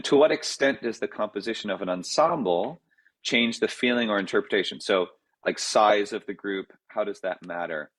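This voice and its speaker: A man's voice: on the low side, fairly bright tone, low-quality recording. A man, a composer, answers audience questions in a casual talk, thinking aloud with many fillers and restarts. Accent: American.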